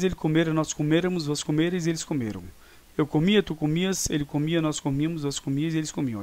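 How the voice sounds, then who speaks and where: A man's voice: a little high, a little mellow. A Brazilian man teaching a grammar lesson online, explaining patiently and often checking in with his students. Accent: Brazilian Portuguese.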